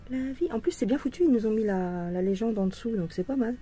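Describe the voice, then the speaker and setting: French woman chatting softly over music. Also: fairly high pitch, a little fast, slightly rough. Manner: sings along softly, chatty asides. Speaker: craft vlogger. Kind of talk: casual chat while bead embroidering.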